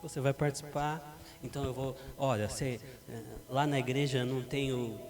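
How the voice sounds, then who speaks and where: A middle-aged Brazilian man preaching a sermon as pastor, lively and acting out parents and teens in a church hall. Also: mid-range voice, moderate pace. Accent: Brazilian Portuguese. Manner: animated, acts out parents and teens. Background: background music.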